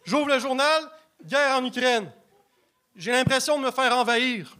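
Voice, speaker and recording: A man doing a stand-up set of deadpan one-liners. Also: very high-pitched, a little slow. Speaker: stand-up comedian.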